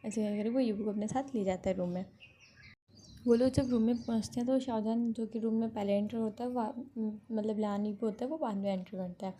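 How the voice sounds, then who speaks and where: A woman's voice: fairly high pitch, fairly even intonation, brisk, warm tone, a little hiss or hum. A woman casually retelling a fan fiction story, chatty, often correcting herself mid-sentence. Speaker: narrator.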